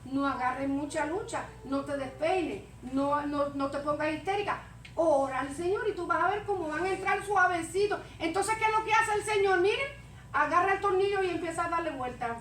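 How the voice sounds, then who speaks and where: A woman delivers a sermon in a very high, bright-edged voice, acting out stammers and little scenes. She sounds distant from the mic, with church echo and a faint hiss behind her. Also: normal speed. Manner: animated, acts out stammering and scenes. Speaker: preacher. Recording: echoey church room, mic far off, faint noise.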